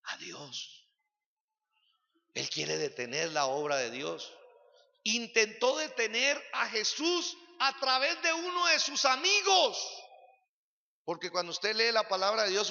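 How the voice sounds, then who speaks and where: A man's voice: high voice, lively intonation, a little slow, creaky, long pauses, bright, forceful tone. A man preaching a sermon as pastor, putting rhetorical questions to the congregation. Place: church sanctuary. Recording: long church-hall reverb, dull lo-fi sound.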